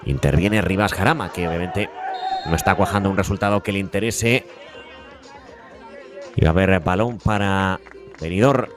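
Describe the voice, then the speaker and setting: A man giving live beach soccer play-by-play as a commentator, with breakneck goal commentary and drawn-out, repeated goal calls. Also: low voice, faint music behind, some chatter behind. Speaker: sports commentator.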